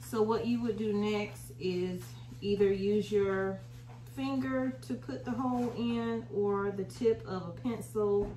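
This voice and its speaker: Hosting a home gardening video, an American woman walks through a casual, folksy how-to demonstration in a small indoor room at home. Her voice is medium in pitch, steady, slow, and warm. The camera sits a short distance away, so the sound is roomy and distant, with faint noise.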